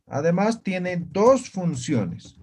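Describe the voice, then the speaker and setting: A man teaching an online language class, speaking slowly and patiently and often checking that students follow. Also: sits high, very animated, a little mellow, husky. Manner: slow, patient, keeps checking students understand.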